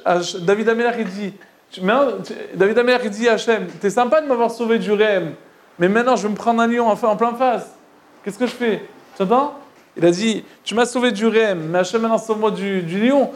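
Gravelly high-voiced man telling tales. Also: darkish tone. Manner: halting, repeats words, asks listeners if they follow. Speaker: storyteller. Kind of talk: casual oral retelling of religious tales.

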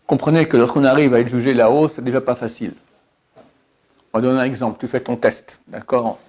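A man's voice: medium pitch, fairly even intonation, brisk, darkish tone. A man giving a religious lesson as a sermon, addressing listeners directly with rhetorical questions and impassioned, rising emphasis. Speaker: rabbi giving a Torah lesson.

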